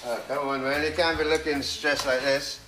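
A man's voice: fairly high pitch, flat delivery, moderate pace, music in the background. A man chatting casually in an upbeat, coaxing, informal way. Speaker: engineer. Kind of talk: casual chat. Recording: clear background noise on location.

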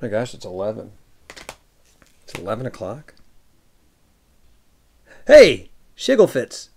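A very gravelly American man in his thirties streams from a home room lined with shelves of films, speaking slowly with huge pitch swings into a webcam mic. Easygoing and casual, he reads viewer messages aloud and answers them warmly, laughing often.

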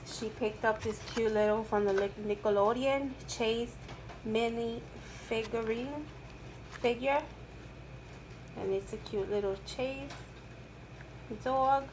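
A middle-aged woman, off-screen, narrating a shopping haul in a slow, chatty, upbeat way, recorded at home on a camera mic. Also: a little high. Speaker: haul vlogger. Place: indoors at home, rain outside. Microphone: camera mic, off-screen, hands in frame. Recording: rain noise in background.

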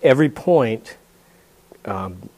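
A man's voice: medium pitch, expressive, slow pace, dark tone, no echo. An older man in his sixties, a martial arts instructor, explaining a technique while demonstrating it on a partner in a dojo. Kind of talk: hands-on demonstration. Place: dojo indoors.

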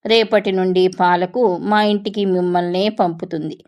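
A woman's voice: fairly low pitch, fairly even intonation, measured pace, a little mellow, close to an everyday voice. Grumpy old milkman, bitter and outraged, read by a woman. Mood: indignant. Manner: indignant, bitter. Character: indignant old male milkman.

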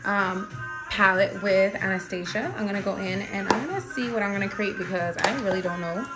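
Young woman, chatty makeup vlogger, medium pitch, playful self-talk while applying makeup, light music underneath. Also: fairly even intonation, a little fast. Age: young adult. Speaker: beauty vlogger. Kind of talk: casual get-ready-with-me chat while doing makeup. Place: indoor room at home.

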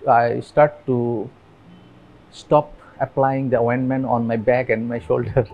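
A Bangladeshi man in his thirties, interviewed in a dim room on a lapel mic, telling his story earnestly with halting restarts. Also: medium pitch, level tone, creaky, muffled recording. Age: 30s. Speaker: interviewee, migrant worker. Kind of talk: documentary interview. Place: dim indoor room with fans.

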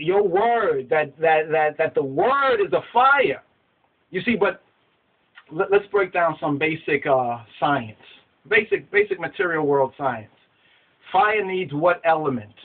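A middle-aged man teaching scripture to a webcam in a small room, animated and gesturing, often repeating words as he searches for the next one. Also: high voice. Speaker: religious teacher. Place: small indoor room with whiteboard. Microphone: webcam at desk. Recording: tinny phone-like webcam audio.

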